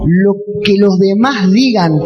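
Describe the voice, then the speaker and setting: A man with a Rioplatense Argentine accent, preaching a sermon as a pastor, often shouting key phrases with passion. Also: high voice, slow pace, lo-fi sound. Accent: Rioplatense Spanish. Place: church hall. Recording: long church reverb, faint music behind.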